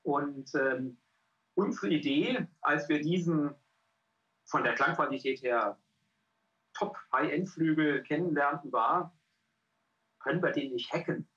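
A middle-aged man presenting a research project over a video call, halting and full of filler sounds. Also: fairly high pitch, fairly bright tone. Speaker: cultural scientist and pianist presenting a research project. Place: indoor room. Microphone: headset on a video call. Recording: dull lo-fi call audio.

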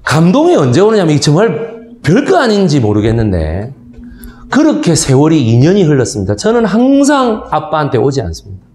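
In a lecture hall with an echoey sound, a man in his thirties with a slightly high, brisk voice gives a history lecture to seniors. He tells stories animatedly and keeps asking the audience for agreement.

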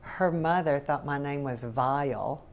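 At her kitchen table at home, a woman in her sixties with a faint Southern accent rambles through childhood memories as an interviewee, chatty and laughing often. Her voice sits low and runs a little slow, with a slight hiss or hum in the recording.

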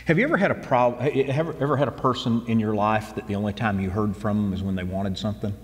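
A man in his fifties preaches fast in a lowish voice from a church stage, his sermon earnest and conversational with repeated phrases. It sounds like a large hall.

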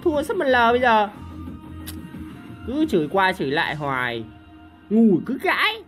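Young man, gaming commentary, high voice, bright tone, bursts of repeated words, faint game music behind. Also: sing-song, measured pace. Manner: shouting, repeating words in bursts, swearing at teammates. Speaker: gaming streamer. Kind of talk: excited gameplay commentary.

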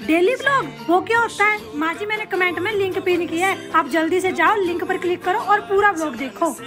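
Very high-voiced woman playing family roles. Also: a little fast. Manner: scolding mother-in-law and pleading daughter-in-law voices. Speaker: skit performer. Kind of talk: homemade family skit acting all roles. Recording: clear background music.

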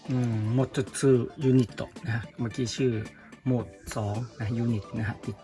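Man, toy review host, relaxed chatty delivery, faint music behind. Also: mid-range voice, moderate pace. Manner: relaxed, chatty, polite particles. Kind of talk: casual toy review vlog.

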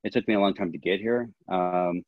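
Low-pitched and brisk, this fifties-aged film director and history professor offers lengthy, reflective answers during a video-call interview. He sits in a small home room indoors, captured by a laptop webcam, with no room sound and dull lo-fi video-call quality.

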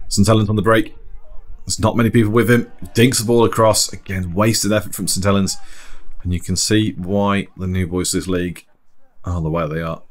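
Guy doing chill football commentary, lowish voice, chuckles a lot. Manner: relaxed, chatty, laughs often. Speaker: match commentator. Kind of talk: sports commentary voice-over.

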